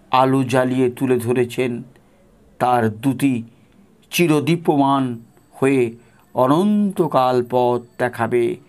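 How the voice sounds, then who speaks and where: A man giving a slow, solemn devotional reading as narrator, in measured phrases. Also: medium pitch.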